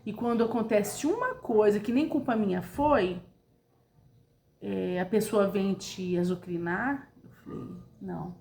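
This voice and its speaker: A woman's voice: mid-range voice, a little slow, creaky, darkish tone, echoey room, a little hiss or hum. A woman with a Brazilian Portuguese accent telling a personal story in a chatty way, talking straight to her listeners. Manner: chatty, addresses listeners directly, retells quoted dialogue. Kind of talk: casual storytelling.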